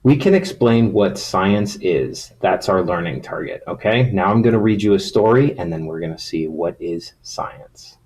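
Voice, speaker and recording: A man's voice: low-pitched, normal speed, few pauses, a little mellow. A man teaching young children in a recorded lesson, talking like a kids show host in simple language with frequent questions. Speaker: primary school teacher. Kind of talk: recorded science lesson for young children, reading stories aloud.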